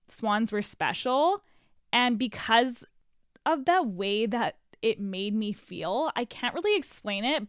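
A woman's voice: a little high, fairly bright tone, clear, resonant tone, dry recording, studio quality. Bubbly, congested woman podcast host. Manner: bubbly and enthusiastic. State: congested, stuffy nose. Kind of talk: solo lifestyle podcast talk.

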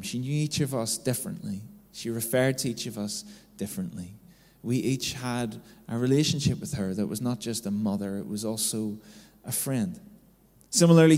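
A man's voice: mid-range voice, darkish tone. A man in his thirties giving a conversational sermon as a pastor, telling stories and tagging his sentences with "right?". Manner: storytelling, keeps adding "right?" tags. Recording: long reverb of a hall.

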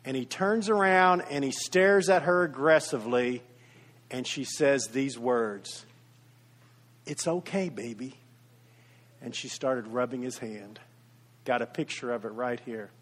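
A man preaching a sermon as pastor, earnest, rising to loud emphasis and then dropping to soft, intimate tones. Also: mid-range voice, normal speed. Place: church sanctuary. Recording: long reverb of a large church hall.

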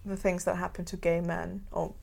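A woman's voice: on the low side, flat delivery, normal speed, gravelly, a little mellow. A woman from Germany in casual conversation, responding often with short agreements and laughter. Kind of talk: casual chat.

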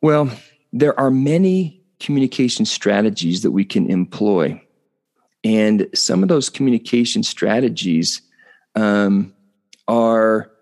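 Earnest male podcast host, mid-pitched. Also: a little mellow. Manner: earnest, explanatory, with frequent restarts and repeated words. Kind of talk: solo podcast monologue on relationships.

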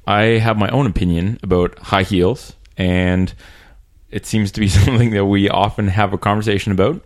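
Guy with a deepish voice chatting as podcast host in a small room, pauses a lot. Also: fairly even intonation. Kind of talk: casual interview chat. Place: small room in a rented apartment.

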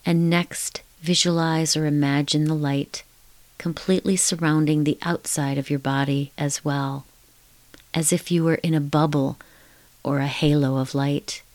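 A woman leading a guided hypnotic relaxation in a slow, soothing, hushed countdown manner with repetitive, lulling phrasing. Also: low-pitched, steady tone, dry recording.

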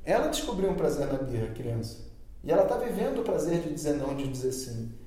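Brazilian Portuguese co-host, assertive advice-giver, mid pitch, very reverberant room. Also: quick pace. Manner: animated, assertive, acts out little dialogues. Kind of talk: casual podcast chat. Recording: very echoey room.

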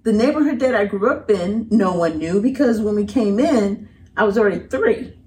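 A middle-aged woman telling a personal story in a casual, colloquial way as a podcast guest. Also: normal speed. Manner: animated, colloquial, breaks into laughter and high voices when quoting. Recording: distant mic with faint background noise.

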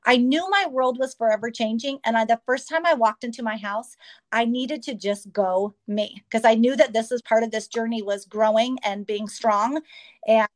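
A woman's voice: a little high, moderate pace. A middle-aged woman sharing a personal faith testimony in an interview, telling her story with emotion and acting out quotes. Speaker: guest.

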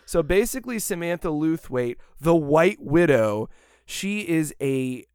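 A man's voice: fairly high pitch, very animated, unhurried, darkish tone, clear, resonant tone, no echo, studio quality. An American man chatting casually as a podcast host, rambling, swearing and laughing often. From United States.

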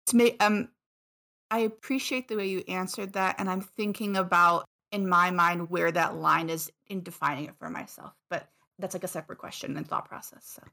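Gravelly, hesitant woman guest. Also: on the low side, steady tone, moderate pace, sharp tone. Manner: hesitant, restarting and thinking aloud. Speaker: caller seeking advice. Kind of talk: casual conversation.

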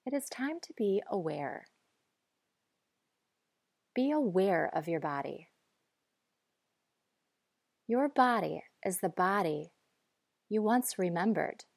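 A woman guiding breathing and muscle relaxation in a calm, measured, instructive way. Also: medium pitch, gravelly, no room sound, clean studio sound. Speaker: guide.

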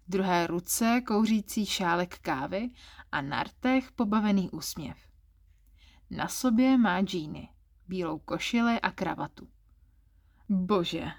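A woman reading a first-person erotic story aloud in a soft, intimate, self-conscious way. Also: medium pitch. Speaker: story reader.

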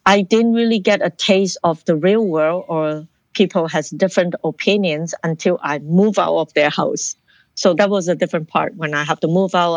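An interview guest from Hong Kong, a woman with a fairly low voice, reflects earnestly on her life story in conversation, repeatedly restarting what she says. The recording has no echo.

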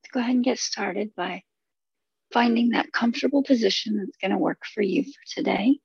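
A meditation guide leads a relaxation session in a husky, fairly high-pitched voice full of vocal fry. She speaks soothingly in short, unhurried phrases separated by long pauses. The recording is dull and very dry, with no room sound.

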